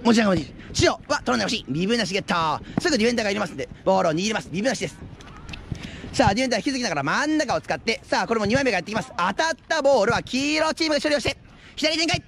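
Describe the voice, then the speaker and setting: A man giving live futsal commentary outdoors, with excited calls that rise into drawn-out goal shouts. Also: high-pitched, gravelly. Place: outdoor floodlit futsal pitch at night. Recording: outdoor action camera with ambient noise.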